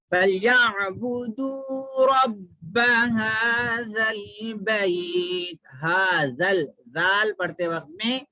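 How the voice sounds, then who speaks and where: Bright high-voiced man teaching recitation. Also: no room sound, rough recording. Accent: Pakistani Urdu. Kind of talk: recitation lesson.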